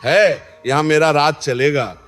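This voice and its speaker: A man's voice: on the high side, slow pace, fairly bright tone. A man voicing a harsh, domineering older mother-in-law who scolds and taunts, in a story read aloud. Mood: taunting. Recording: long reverb, faint music behind.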